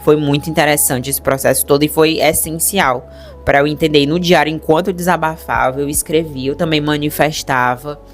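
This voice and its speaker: Woman, Brazilian Portuguese accent, low voice, rapid chatty storytelling, soft music underneath. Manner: chatty, animated, addresses viewers as "gente". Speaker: vlogger. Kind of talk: personal storytelling to viewers.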